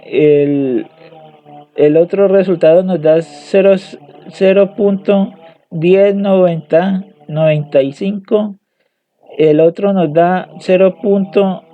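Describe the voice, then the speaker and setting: Young guy reading numbers slow, high voice, keeps stumbling, tinny dry audio. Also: steady tone, mellow. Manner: hesitant, halting, repeats words and restarts. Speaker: student presenting homework. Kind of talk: reading out calculation results.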